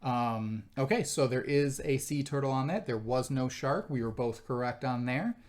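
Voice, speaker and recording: A man's voice: mid-range voice, normal speed, crowd noise. A man hosting a board game playthrough, patiently explaining the rules step by step to viewers and his co-player.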